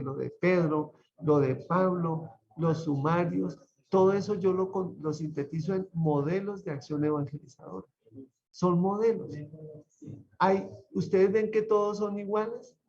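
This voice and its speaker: A man with a mellow, slightly high voice teaches an online Bible class. He talks conversationally and keeps checking in with his students through questions. The audio is muffled. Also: creaky. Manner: conversational, asks the class frequent rhetorical questions.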